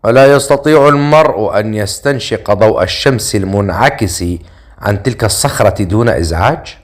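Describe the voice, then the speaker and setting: A man voicing a revered woman in her fifties who is irritable and sharp-tongued, in a storybook reading. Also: lowish voice, fairly quick, close to an everyday voice.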